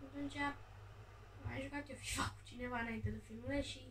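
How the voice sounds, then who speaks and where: A woman giving casual, excitable commentary over a football video game, crying out when goals go in. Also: sits high. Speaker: gaming YouTuber. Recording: echoey room, distant mic, faint hum.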